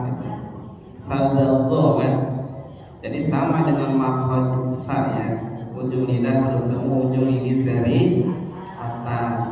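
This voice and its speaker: A man teaching Quran recitation rules, asking his class questions. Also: medium pitch. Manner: asks the class questions, mixes in Sundanese words. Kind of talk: informal tajwid lesson. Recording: echoey hall, voice far from mic.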